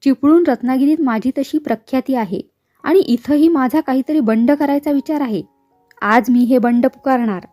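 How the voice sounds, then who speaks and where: A defiant, rebellious fifteen-year-old girl who answers with grave firmness, read by a woman. The voice sits high but has a mellow, dark tone. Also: normal speed, soft background music, lightly acted. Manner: grave, firm retorts.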